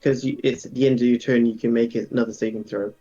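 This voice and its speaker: A man running a tabletop game as game master, brisk and quick to laugh. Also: mid-range voice, fairly even intonation, warm tone, highs cut off.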